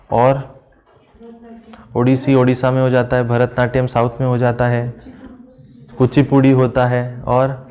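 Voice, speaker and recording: A man teaching an exam-prep lesson, walking through answers step by step and asking questions that he then answers himself, reading phrases slowly and translating them. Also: mid-range voice, a little mellow, smooth.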